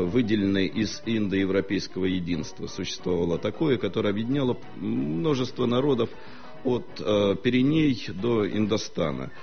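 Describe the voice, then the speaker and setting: A low, gravelly-voiced man appears as a historian guest on a studio talk show, lecturing in a measured way with frequent hesitant pauses. The recording is muffled and lo-fi, with faint music underneath.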